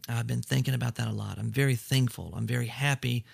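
Brief: forty-year-old male podcast host, very gravelly voice, dry close sound, rambling chat. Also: medium pitch, fairly even intonation, fast talker, dry recording. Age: 40s. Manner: rambling, thankful, many restarts.

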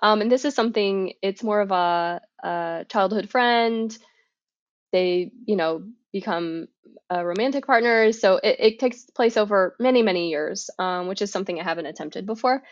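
A woman author as a podcast guest, chatting casually and haltingly with self-deprecating asides. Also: mid-range voice, no echo. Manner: self-deprecating, informal, halting and thinking aloud. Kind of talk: casual interview chat. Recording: dry, slightly dull audio.

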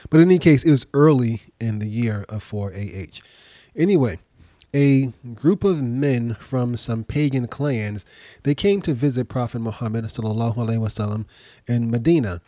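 A man's voice: medium pitch, dark tone, no room sound. A slightly congested, nasal man getting over a cold, hosting a podcast as an informal history lecture, explaining and often rephrasing himself. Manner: explanatory, pausing to rephrase and repeat. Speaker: podcast host.

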